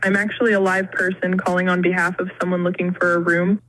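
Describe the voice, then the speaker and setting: A man's voice: high voice, fast, slight background noise. A male-sounding AI voice with a metallic, synthetic, robotic tone, politely asking about a hotel room in a scripted phone request, played back from a recorded call. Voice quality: flat, robotic, evenly paced. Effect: metallic synthetic voice over a phone line. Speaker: AI phone agent booking hotel rooms.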